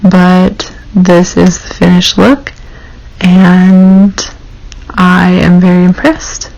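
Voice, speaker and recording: A woman's voice: on the low side, level tone, very slow, gravelly, darkish tone, lo-fi sound. A young woman hosting a craft tutorial, narrating informally and explaining each step in a casual way.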